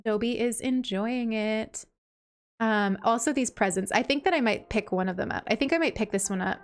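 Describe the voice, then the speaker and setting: Female game streamer, sweet cartoon-princess tone, fairly high pitch, affectionate and gushing, music behind her. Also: moderate pace. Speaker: game livestreamer. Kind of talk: casual livestream chat, thanking viewers.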